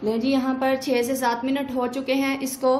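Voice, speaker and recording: A woman's voice: sits high, normal speed, roomy sound, slight background noise, poor audio. A woman, a cooking channel host, talking through a recipe step by step in a voice-over. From Pakistan. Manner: steady step-by-step instructions.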